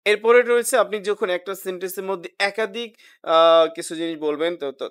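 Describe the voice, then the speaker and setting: A man teaching spoken English, explaining in Bengali with English words mixed in and saying example sentences slowly with exaggerated rising and falling tones. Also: sits high, fairly bright tone, clean tone. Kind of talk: tutorial lesson with spoken examples.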